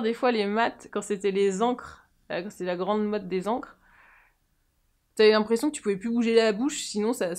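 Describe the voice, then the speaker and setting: Woman, beauty vlogger, chatty and jokey, slightly high voice, close mic. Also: a little mellow. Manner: chatty, jokey, lots of fillers and laughs. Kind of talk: casual make-up tutorial chat.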